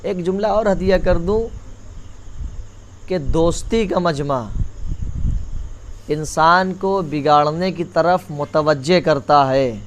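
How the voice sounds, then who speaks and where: A high-pitched man delivers a Muharram majlis sermon. He repeats each key line and keeps calling the audience back to attention. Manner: rises in pitch and force as the sermon builds. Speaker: maulana giving a majlis address.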